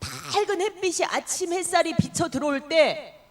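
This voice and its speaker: Woman pastor, sermon, high voice, very lively pitch, rhetorical questions, hushed asides. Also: moderate pace. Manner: animated storytelling, dropping to hushed asides; asks the congregation rhetorical questions.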